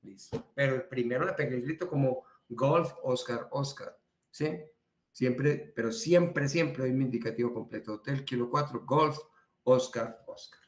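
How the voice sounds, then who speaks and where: A man's voice: mid-range voice, measured pace. A man with a Colombian accent giving a training talk in a conversational way, repeating words for emphasis. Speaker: instructor. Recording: roomy echo.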